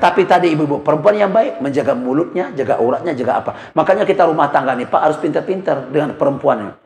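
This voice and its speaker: A middle-aged man preaches in a mosque, working comic stories into his sermon. His voice is a bit high with a gravelly grain, and he keeps turning to the congregation as he talks. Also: lively intonation, fast, a little mellow, reverberant. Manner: joking storyteller, addresses the congregation constantly.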